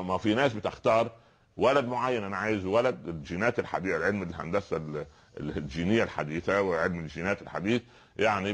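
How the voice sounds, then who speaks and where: Egyptian male preacher, quick and lively sermon voice, sits low in pitch. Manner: fast, animated storytelling preacher with rhetorical questions.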